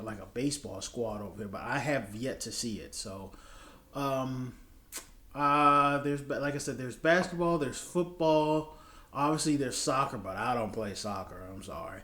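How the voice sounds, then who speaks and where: A man's voice: mid-range voice, normal speed, fairly bright tone. An American man in his thirties, casually answering viewer questions in a loose, rambling way. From United States. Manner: rambling, loose and chatty with many fillers. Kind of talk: casual chat. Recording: echoey room.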